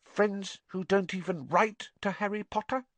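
A squeaky servile house-elf, very high, strained, pleading, dry close sound. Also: male voice, unhurried, no room sound. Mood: wheedling. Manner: pleading, speaks of himself in third person. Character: small anxious male house-elf, servile and frantic. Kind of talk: audiobook character voice.

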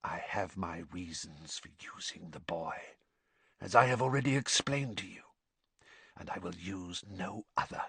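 A man voicing a cold, menacing, frail dark lord in an audiobook, with a breathy, hissing, soft delivery full of contempt. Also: mid-range voice, sing-song, measured pace, no echo, pitched above the performer's own voice, full character voice. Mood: cold menace. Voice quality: breathy, hissing near-whisper.

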